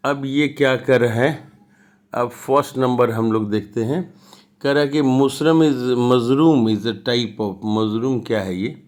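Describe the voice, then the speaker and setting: Man, Bihari accent, school science teacher, slow patient explaining, mid pitch. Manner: slow, repetitive explaining, mixes Hindi with read-out English. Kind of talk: classroom lesson explaining answers.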